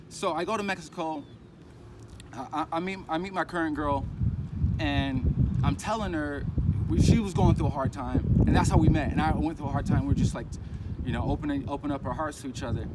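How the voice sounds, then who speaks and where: A man vlogging outdoors and telling his story in a loose, rambling, animated way, slipping into other people's voices as he goes. His voice sits a little high for a man. Steady traffic noise from the street runs clearly behind him. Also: fairly quick. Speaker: crypto vlogger. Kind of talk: casual storytelling vlog.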